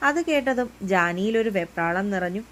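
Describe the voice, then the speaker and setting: A woman reading a serialized romance aloud in a gentle, even storytelling manner. Her voice sits at an ordinary middle pitch. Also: moderate pace, slight background noise. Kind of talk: read-aloud romance narration.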